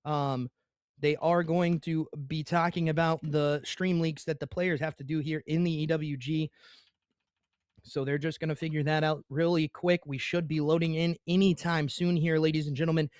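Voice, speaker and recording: A young man calls an esports match play-by-play for his stream, breaking off to apologize to chat for a bout of hiccups. His voice sits on the high side with little pitch movement, a normal pace, and a slightly mellow quality. The sound is clean studio quality with no echo.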